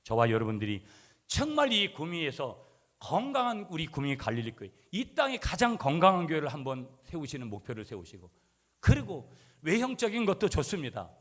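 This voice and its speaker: A male pastor preaching a sermon, swinging between loud declarations and quiet asides and calling for responses from the congregation. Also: a little high, huge pitch swings, a little fast.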